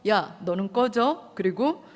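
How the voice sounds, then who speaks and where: A rough mob of townsmen jeers with scorn and rudeness, as a woman preacher acts it out. The lines come in a plain mid-range voice. A long hall reverb trails them. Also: medium pitch, expressive, takes it slowly. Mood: scornful. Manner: scornful, rude.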